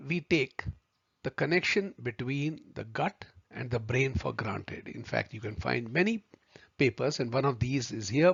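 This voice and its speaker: A man teaching a video lesson, speaking deliberately and addressing viewers as friends. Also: medium pitch, gravelly, slightly rough, no echo. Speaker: homeopathy tutor. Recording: dry, slightly muffled recording.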